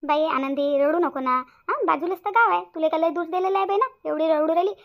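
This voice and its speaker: Shantabai, a woman doing a squeaky village busybody. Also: brisk, muffled recording. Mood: consoling. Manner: chattering, repetitive scolding-consoling. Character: chatty middle-aged village woman, bossy and consoling. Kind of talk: cartoon voice acting.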